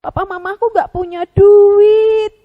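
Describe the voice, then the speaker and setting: A woman voicing a sad little penguin puppet in a children's story, talking softly and slowly, on the edge of tears. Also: very high voice, phone-quality sound. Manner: soft, quiet and slow, breaking into sobs.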